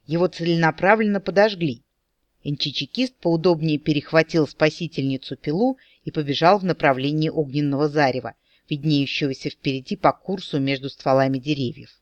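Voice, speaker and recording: A man narrating a fantasy audiobook in a lively, ironic storytelling manner. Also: on the high side, no echo, dull audio.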